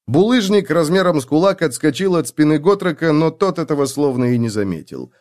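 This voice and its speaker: A man narrating an audiobook in a scripted, expressive reading. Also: on the high side, brisk.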